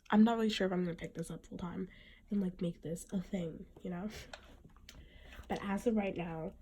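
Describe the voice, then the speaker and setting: A woman's voice: mid-range voice, darkish tone, a little hiss or hum. A young woman with a cold and a nasal voice, chatting casually and rambling on her solo podcast. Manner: chatty, rambling, giggly fan talk. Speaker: podcast host.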